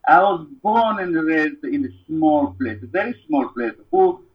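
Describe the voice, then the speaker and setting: Earnest male musician guest with a raspy voice, heard far off over a remote line. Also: on the high side, lively intonation, unhurried, lo-fi sound. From Democratic Republic of Congo. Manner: earnest, plain-spoken storyteller. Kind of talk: casual interview storytelling. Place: home living room. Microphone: remote call.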